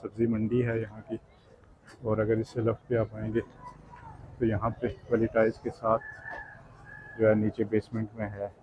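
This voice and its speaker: A man's voice: fairly low pitch, completely flat delivery, normal speed, long pauses, highs cut off, slight background noise. A Pakistani man vlogging a tour of a shop in the market, enthusiastic and polite, often calling his viewers "sir". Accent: Pakistani Urdu. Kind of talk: casual walk-through vlog.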